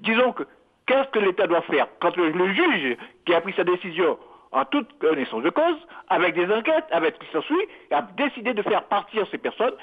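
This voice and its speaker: High-pitched male caller on dull phone line. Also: big pitch swings, normal speed. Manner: formal, rhetorical, hesitant word repetitions. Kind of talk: putting a question live on air. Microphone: telephone. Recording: dull band-limited phone call.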